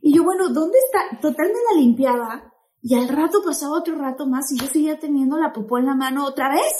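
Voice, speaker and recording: A woman with a high voice, talking as a guest in a casual chat. She tells her anecdotes in a lively, chatty way. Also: fast, a little hiss or hum.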